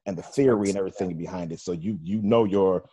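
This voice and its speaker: A man's voice: sits low, fast, dark tone, slightly rough. A man hosting a casual radio interview, rambling with many fillers and restarts. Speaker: radio show host.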